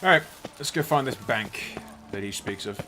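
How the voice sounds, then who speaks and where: A man's voice: mid-range voice, lively intonation, normal speed, noisy background. A man giving casual, sarcastic gameplay commentary and swearing freely as he goes. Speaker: let's play host.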